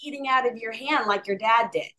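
A woman's voice: a little high, fairly quick, pushed and bright. A woman from Los Angeles co-hosting a podcast, speaking in an emphatic, opinionated way. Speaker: co-host. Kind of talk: casual chat.

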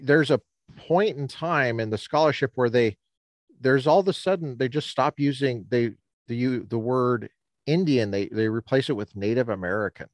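A man from Colorado co-hosting a casual talk show, talking in a rambling, halting way with many restarts, standing outdoors by the ocean on a cold day. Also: medium pitch, dry recording. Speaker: podcast co-host. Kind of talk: casual chat.

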